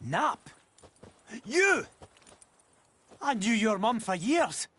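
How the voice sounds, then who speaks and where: Scoffing older villager, very high, lively, unhurried. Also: male voice, husky, exaggerated voice. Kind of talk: video game dialogue.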